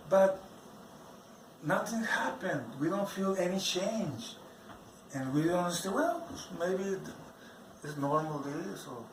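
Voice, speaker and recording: A man who is not a native English speaker tells his religious testimony slowly, stopping often to repeat and rephrase as he searches for words. His voice sits a little high and sounds set back from the mic in a roomy space. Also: noisy background. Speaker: churchgoer giving a personal testimony. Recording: roomy, from some distance off the mic.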